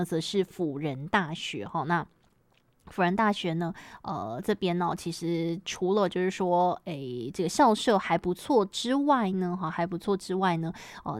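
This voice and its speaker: A woman's voice: fairly low pitch, no echo, studio quality. A woman with a Taiwanese Mandarin accent presenting a radio programme in a chatty way, tagging her phrases with frequent particles and fillers. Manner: frequent sentence-final particles and filler tags. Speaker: radio host.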